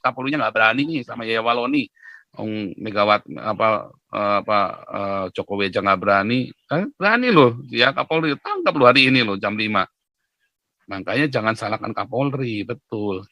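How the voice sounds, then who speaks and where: A man giving an animated, lecturing monologue to his viewers, often pushing his voice up toward a near-shout. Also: medium pitch, no echo. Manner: rhetorical tag questions. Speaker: YouTube commentator. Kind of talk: casual monologue.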